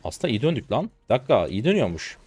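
A hoarse man in his twenties giving slangy live commentary to viewers while he plays a game. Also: mid-range voice, very animated, a little mellow. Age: 20s. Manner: rapid slangy chatter to viewers. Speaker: gaming streamer.

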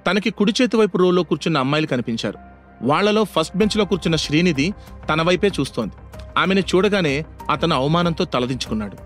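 A man's voice: a little high, animated, quick pace, soft background music. A man narrating a scripted audio story in a dramatic storytelling manner.

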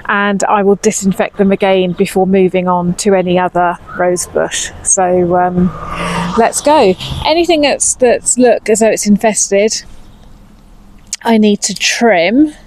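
A woman in her fifties with an English accent prunes in her outdoor cottage garden while chatting casually to camera on a lapel mic, sounding a little anxious. Her mid-range, slightly mellow voice moves a little slowly, and the low-quality recording has slight background noise.

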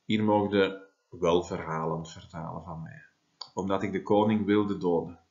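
A man's voice: low-pitched, steady tone, moderate pace, darkish tone, lo-fi sound. A man, teaching a Latin translation lesson and explaining step by step with frequent tag questions. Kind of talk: classroom lesson.

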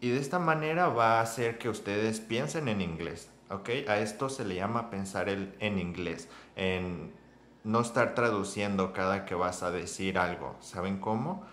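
A man giving a casual spoken language lesson to his viewers, chatty and encouraging, often checking in with a quick "ok?". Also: on the low side, a bit bright, echoey room, a little hiss or hum. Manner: chatty, addresses viewers as chicos and amigos, frequent ok. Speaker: English teacher.

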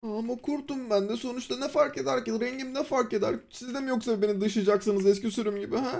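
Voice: mid-range voice, fairly even intonation, fast talker, vocal fry, darkish tone, close to an everyday voice. A voice actor doing Kum, an eager young wolf. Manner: eager, boastful, opens lines with "aa". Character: young outcast wolf pup, eager and boastful. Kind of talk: Minecraft role-play voiceover.

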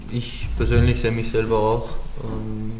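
A man's voice: fairly low pitch, completely flat delivery, unhurried, dark tone, slight background noise. A nineteen-year-old man, a footballer giving hesitant interview answers with many ums. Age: teens. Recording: roomy echo with faint ambience.

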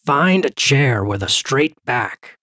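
A man voicing a calm male therapist who talks a patient through breathing exercises in a story reading. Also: mid-range voice, no echo, studio quality, exaggerated voice. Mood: soothing. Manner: slow, soothing instructions.

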